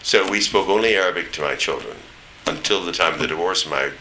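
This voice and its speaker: Recalling the past in an oral history interview, this older East Tennessee man, 70s or above, rambles through anecdotes and stops to hunt for names. His voice is low, very bright, and forceful, with a standard American accent, and the recording is rough with a faint hiss.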